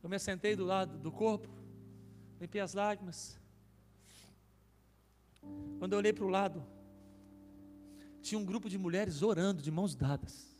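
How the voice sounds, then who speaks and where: The speaker is a Brazilian pastor with a high-sitting voice who speaks at normal speed and pauses often. He tells an emotional testimony story in a church hall, building intensity at its peaks, while soft music plays in the reverberant space.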